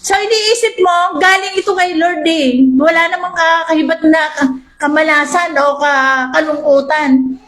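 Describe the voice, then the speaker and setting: A woman preacher giving a lively sermon, reading Bible verses and often asking the congregation "di ba?". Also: very high-pitched, normal speed. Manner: asks the congregation "di ba?" often, animated. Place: church hall. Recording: echoey church hall.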